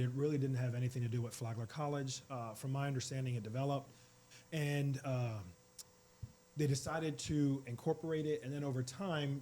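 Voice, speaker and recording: A man in his forties, a college department chair, talking in a relaxed interview with fillers. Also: mid-range voice, slight background noise. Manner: warm, relaxed storytelling with fillers. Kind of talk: casual interview talk.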